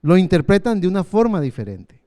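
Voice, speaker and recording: A man in his fifties preaching a sermon as pastor, earnest, slowing down for emphasis. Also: high-pitched, very animated, warm tone. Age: 50s.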